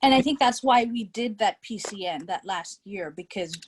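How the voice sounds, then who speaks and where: A middle-aged woman from California reminiscing casually about her college years on a video call, pausing often with ums and restarts. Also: mid-range voice, expressive, a little hiss or hum. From California, United States. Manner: hesitant, many ums and restarts. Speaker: alumni panelist.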